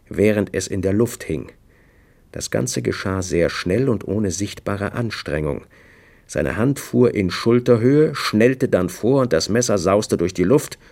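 Man, audiobook narrator, very low pitch, gravelly, dry storytelling. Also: a little mellow. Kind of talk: scripted narration.

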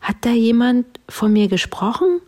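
A woman voicing a slow-witted, puzzled raccoon in a children's story read aloud. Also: a little high, lively intonation, a little mellow, pitched above the performer's own voice. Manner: puzzled, asks questions. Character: confused little raccoon who keeps asking what.

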